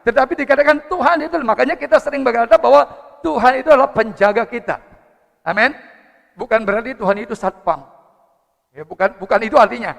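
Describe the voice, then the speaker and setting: A man's voice: very high voice, fast, gravelly, fairly bright tone, highs cut off. A man preaching a sermon, moving a prayer into teaching. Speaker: pastor. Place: church service hall. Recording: church hall reverb with faint music.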